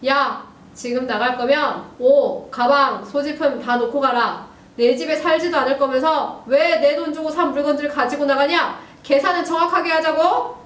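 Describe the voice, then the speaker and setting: A woman's voice: high voice, animated, fairly quick, few pauses, sharp tone, pitched above the performer's own voice. Woman doing a stern, barking father. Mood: scolding. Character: strict scolding middle-aged father. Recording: roomy, distant mic, faint hiss.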